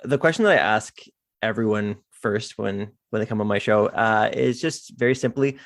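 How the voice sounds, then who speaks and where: A man's voice: on the low side, normal speed. A man hosting a soccer podcast, introducing and interviewing with eager, loose phrasing. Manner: enthusiastic, loose with "um" and "like". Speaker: podcast host.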